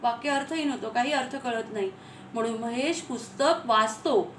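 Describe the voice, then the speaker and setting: A woman teacher giving a grammar lesson, repeating key phrases slowly and asking her pupils questions. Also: a little high. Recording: echoey room, faint ambient noise.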